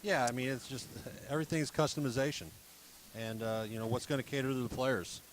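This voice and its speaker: A man's voice: medium pitch, fairly quick. A man representing a bat company, speaking in a casual broadcast interview and filling his talk with "you know" and "um". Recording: crowd noise behind.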